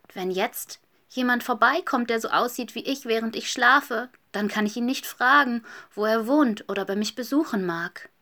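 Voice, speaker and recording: A woman's voice: on the high side, normal speed, few pauses, bright, forceful tone, pitched above the performer's own voice. A woman voicing a lonely little Easter hedgehog in a children's story, earnest and a bit plaintive.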